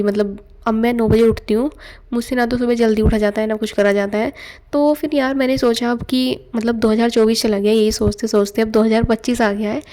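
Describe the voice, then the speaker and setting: Young female vlogger, casual chatty narration, fairly high voice with a warm mellow timbre. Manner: chatty, loose Hindi-English mix with fillers. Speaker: exam aspirant vlogger. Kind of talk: casual study vlog narration. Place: at home.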